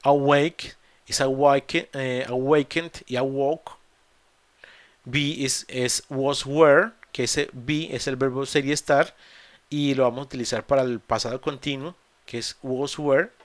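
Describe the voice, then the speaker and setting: Speaking at a medium pitch with a steady tone and measured pace, a man teaches English grammar in an online class over a computer mic on a video call. He patiently walks through the rules step by step, with frequent fillers and restarts, and there's no echo.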